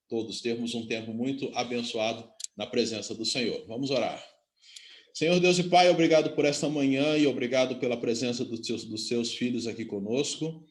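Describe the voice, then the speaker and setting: A man's voice: mid-range voice, reverberant. A male church leader welcoming the congregation and praying in a formal pastoral tone.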